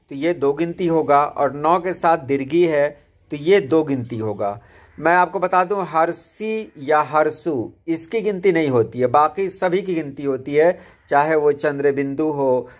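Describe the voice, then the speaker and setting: Slow, patient man teaching poetry meter. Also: a little high. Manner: slow, patient, explains step by step with repetition. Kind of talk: spoken lesson on Urdu-Hindi poetry meter.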